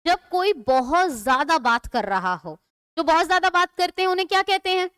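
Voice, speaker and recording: A woman's voice: extremely high pitch, big pitch swings, normal speed, a bit bright, no room sound, clean studio sound. A woman teaching English vocabulary in a classroom-style lesson, explaining patiently, repeating words and asking her students questions.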